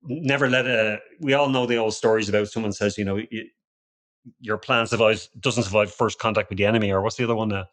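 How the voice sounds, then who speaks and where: A middle-aged Irish company founder appears as a podcast guest, talking casually and conversationally with many restarts and fillers. His voice is on the low side and a bit bright, with a steady tone and a quick pace.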